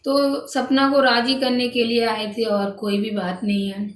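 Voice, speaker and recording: A woman's voice: a little high, flat delivery, measured pace. Chatty woman vlogger in echoey room. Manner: chatty, repeats "guys", frequent restarts. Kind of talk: casual gossip narration to viewers. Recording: echoey room, distant mic, faint background noise.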